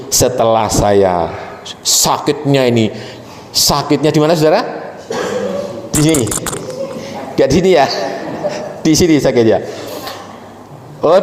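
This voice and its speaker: A man's voice: medium pitch, a little mellow, a little hiss or hum. A male preacher, telling a personal story emotionally and often addressing the congregation directly. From East Java, Indonesia. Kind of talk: sermon with personal testimony. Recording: echoey hall, faint ambience.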